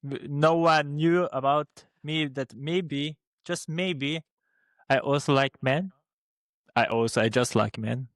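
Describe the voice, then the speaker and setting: Speaking slowly in a higher, fairly bright voice with no echo around it, the young Slovene co-host stumbles through a casual podcast chat. He carries a Slovene accent and keeps restarting, padding his lines with fillers.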